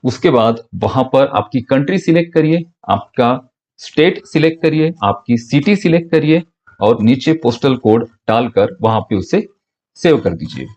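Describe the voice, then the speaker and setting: A man's voice: medium pitch, lively intonation, moderate pace, a little mellow, highs cut off. A man patiently explaining a payment procedure step by step in a short instructional audio. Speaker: online business mentor.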